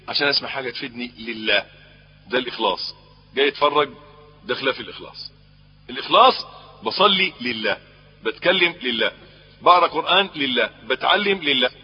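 Husky Egyptian preacher in an echoing hall. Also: male voice, quick pace, pauses often. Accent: Egyptian Arabic. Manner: lively, rising to emphatic peaks, then dropping low; asks the audience questions. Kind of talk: Islamic sermon. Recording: husky voice, long hall reverb, dull lo-fi sound.

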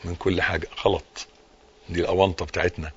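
A man with an Egyptian accent giving a live religious lesson, repeating key phrases and dropping from forceful emphasis into hushed tones. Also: deep voice, little pitch movement, fast, slightly rough, muffled recording. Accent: Egyptian Arabic. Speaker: religious teacher.

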